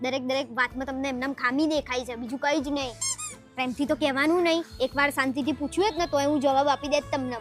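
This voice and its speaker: A woman's voice: high-pitched, steady tone, faint music behind, close to an everyday voice. A woman playing a nagging, scolding wife in a comedy skit. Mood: sulky. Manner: scolding, nagging, fast talk.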